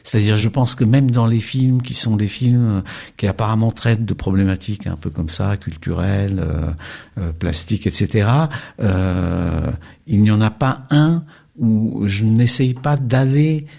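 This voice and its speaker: A French documentary filmmaker speaking reflectively in an interview, hesitant with many pauses and fillers. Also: male voice, lowish voice, vocal fry, warm tone.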